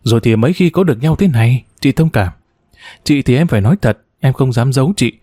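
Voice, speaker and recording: A man's voice: medium pitch, animated, fast talker, warm tone, slightly rough, dry recording, studio quality. A man reading a story and voicing a chatty young woman who pleads sweetly. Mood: wheedling. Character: coaxing, wheedling young woman, the adopted sister.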